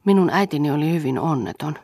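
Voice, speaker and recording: A woman reading the part of a brooding, self-mocking older man in a low, quiet, reflective voice. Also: no room sound, studio quality.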